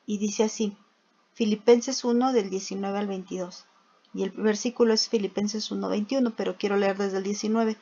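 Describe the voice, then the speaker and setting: Una mujer que enseña la Biblia en un sermón, con preguntas retóricas y lectura de versículos. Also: female voice, mid-range voice, fairly even intonation, normal speed, warm tone, slightly rough. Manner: asks rhetorical questions, reads scripture aloud. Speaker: preacher. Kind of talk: bible teaching. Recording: dull lo-fi recording.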